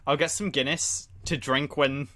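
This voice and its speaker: A man's voice: mid-range voice, steady tone, normal speed, sharp tone. A young man, a streamer and podcast host, rambling in casual chat and often talking over his co-host. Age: young adult. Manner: rambling, chatty, talks over the other speaker.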